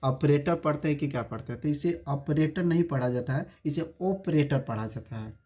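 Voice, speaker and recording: Mellow man teaching English pronunciation. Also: a little high. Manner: repeats words and quizzes viewers with rhetorical questions; spells words out slowly letter by letter. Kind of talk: online spoken-English lesson.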